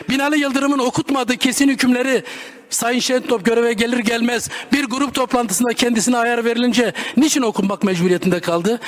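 A man with a very high voice speaks at a podium microphone in a parliamentary debate. He argues point by point, combative and insistent, and scolds anyone who interrupts. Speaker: member of parliament, group deputy chair.

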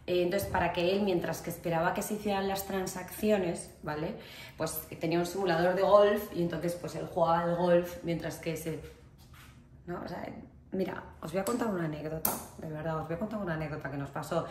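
A woman with an accent from Spain, telling a story to camera in a chatty, animated way, full of fillers and asides. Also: on the low side, brisk. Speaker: vlogger. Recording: echoey room with faint ambient noise.

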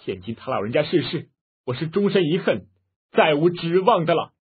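A man's voice: fairly high pitch, big pitch swings, moderate pace, husky, pitched above the performer's own voice, heavily acted. Grieving man, despairing, narrator's own voice; lo-fi phone sound. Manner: tearful, loud lamenting. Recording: muffled phone-like lo-fi audio.

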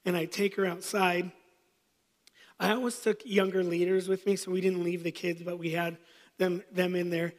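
High-voiced man telling a sermon story. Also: level tone, normal speed, in a large hall. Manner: storytelling, self-deprecating humor. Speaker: pastor. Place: church sanctuary.

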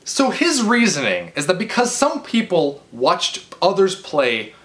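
A man in his 20s, a video game vlogger, rants to camera in his living room, exasperated, emphatic and unscripted, often stammering and starting over. His voice sits high with huge pitch swings, unhurried and a bit bright. A webcam or camera roughly an arm's length away records him.

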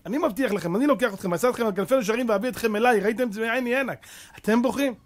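A man preaching a Torah sermon as a rabbi, fervent and full of rhetorical questions, mixing street slang with scripture. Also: very high-pitched.

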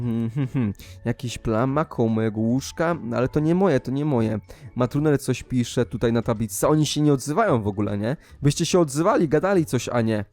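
A young man giving excited commentary over his gameplay, often jumping into high, loud outbursts. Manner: animated, jumps into high excited shouts. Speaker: Minecraft YouTuber.

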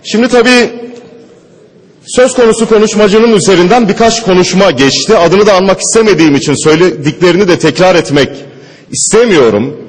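A man giving a stern, measured speech at a podium microphone in a large parliament chamber. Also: high-pitched, breathy edge. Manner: stern, measured, emphatic oratory. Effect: speaking at a podium microphone. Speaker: member of parliament. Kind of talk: formal speech from a parliament rostrum. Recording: long hall reverb in a large chamber.

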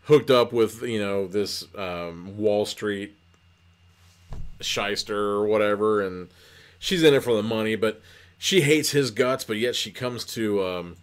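A man with a somewhat low voice hosts a casual book podcast and recaps a novel from an indoor set. He rambles loosely, swears often and scatters fillers throughout. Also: clear, resonant tone. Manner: rambling, profane, lots of fillers. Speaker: podcast host reviewing books.

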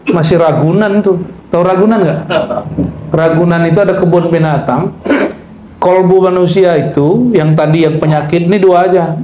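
Man, religious lecturer, humorous, quizzes listeners, recites Arabic, fairly high voice, roomy echo. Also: mellow, muffled recording. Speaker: Islamic mysticism teacher. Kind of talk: religious lecture to a live audience. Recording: echoey room with faint background noise.

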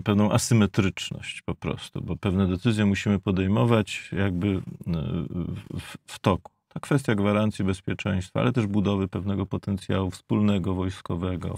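A man in his fifties with a Polish accent sets out his views in a panel debate, measured but stumbling over restarts. His low voice has a strongly gravelly fry. The close lapel mic keeps the sound dry. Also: a little mellow, no room sound. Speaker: debate guest, geopolitical analyst. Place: studio with blue backdrop.

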